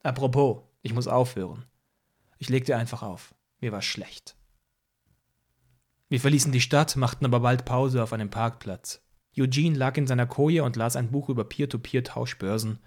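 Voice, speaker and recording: A man reading a first-person audiobook in a calm, even storytelling manner. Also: mid-range voice, moderate pace. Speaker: audiobook reader.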